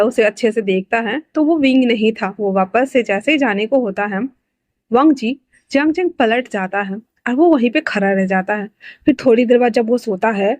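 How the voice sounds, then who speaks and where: A woman's voice: fairly high pitch, darkish tone, dry recording. A woman narrating a fan-fiction story in a chatty, colloquial way, dropping in English words.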